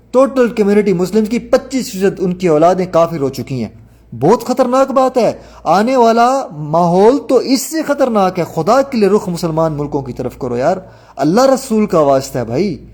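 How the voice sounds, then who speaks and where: A man's voice: a little high, a little mellow. A man preaching a sermon, talking emphatically and putting rhetorical questions to his listeners.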